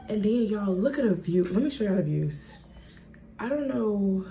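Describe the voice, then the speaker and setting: A woman's voice: mid-range voice, animated, moderate pace, background noise. A 19-year-old woman from Michigan talking casually to her viewers as she vlogs at home, calling them y'all. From Michigan, USA. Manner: chatty, addresses viewers as y'all. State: out of breath. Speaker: vlogger. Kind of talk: casual vlog talk. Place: home, indoors.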